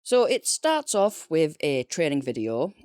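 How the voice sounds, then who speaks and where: A woman's voice: deep voice, very animated, measured pace, a little mellow, no room sound, clean studio sound. A chatty woman with a Northern English accent, casually reviewing books and joking at her own expense. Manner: chatty and jokey, laughing at herself. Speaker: book reviewer. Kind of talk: casual unscripted video review.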